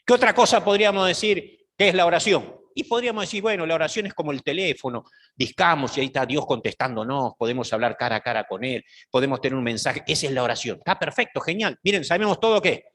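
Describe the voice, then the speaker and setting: Middle-aged pastor, bright and fairly high-pitched, preaching with rhetorical questions; long hall reverb. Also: male voice, lively intonation, quick pace. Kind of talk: sermon.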